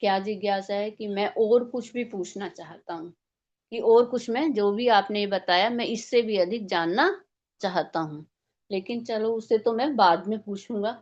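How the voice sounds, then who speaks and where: A woman's voice: mid-range voice, normal speed, a little mellow, muffled recording. A woman teaching a devotional scripture class, explaining step by step and posing rhetorical questions.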